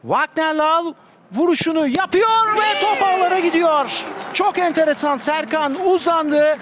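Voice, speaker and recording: A man giving excited live football commentary with loud rising calls. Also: very high-pitched, unhurried. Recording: very noisy match broadcast audio.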